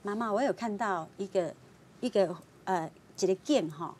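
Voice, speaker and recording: A woman, a fortune-teller guest on a talk show, telling a story in a lively way and acting out the voices of the people in it. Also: mid-range voice, moderate pace, slight background noise. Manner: lively storyteller, voicing clients and police.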